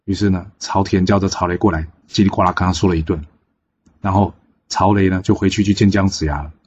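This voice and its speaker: Relaxed male storyteller, chatty retelling, dull lo-fi recording. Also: deep voice, fast, a little hiss or hum. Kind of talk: storybook narration.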